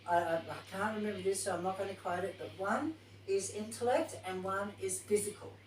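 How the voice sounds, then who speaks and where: In a brisk, mid-range voice, she leads yoga teacher trainees through a reading, chatting casually and voicing her thoughts as they come. The recording sounds distant and roomy with echo, plus a touch of hiss or hum.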